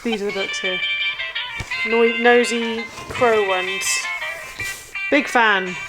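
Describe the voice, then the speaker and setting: A woman's voice: a little high, fairly even intonation, slow, loud music behind the voice. A woman, a mum of two, rambling through her day in a casual vlog with lots of "like". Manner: rambling, chatty, fillers of "like". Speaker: vlogger mum.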